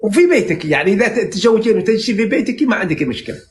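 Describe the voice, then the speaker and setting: A man in his sixties from central Saudi Arabia with a Najdi accent, interpreting dreams in a rambling, flattering live chat full of fillers and restarts. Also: high-pitched, very fast, a little hiss or hum. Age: 60s. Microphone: phone on a live stream.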